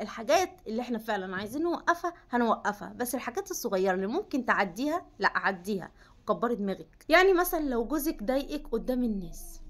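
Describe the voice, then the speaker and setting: A young Egyptian woman speaks quickly in a slightly high voice, coaching her listener. She talks with firm emphasis and addresses them directly as "you". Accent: Egyptian Arabic. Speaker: self-help vlogger. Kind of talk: direct advice to the viewer.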